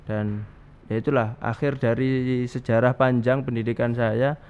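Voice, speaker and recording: Man, 30s, gravelly, rambling guest, muffled noisy recording. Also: medium pitch, steady tone, normal speed, a little mellow. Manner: rambling, with many restarts and Javanese fillers. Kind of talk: casual interview. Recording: dull, slightly noisy studio audio.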